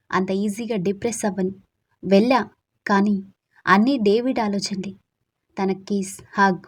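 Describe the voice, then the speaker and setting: A woman narrating a first-person audio story in a confiding, emotional way. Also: medium pitch.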